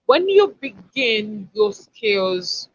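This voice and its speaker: A woman's voice: fairly high pitch, sing-song, very slow, vocal fry, dry recording, dull audio. A woman, a communication expert explaining and demonstrating word sounds in an online lesson over a video call. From Africa.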